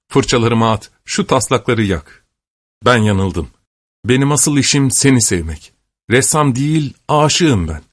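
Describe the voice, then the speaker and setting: A man voicing a passionate young male painter in an audiobook, speaking in an excited, fervent, declaring manner. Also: mid-range voice, voice pushed up, natural voice. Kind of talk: audiobook character reading.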